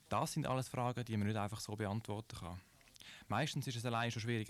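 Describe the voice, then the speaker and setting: A man with a Swiss German accent presenting a scripted radio commentary, measured and explanatory, posing rhetorical questions. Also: medium pitch.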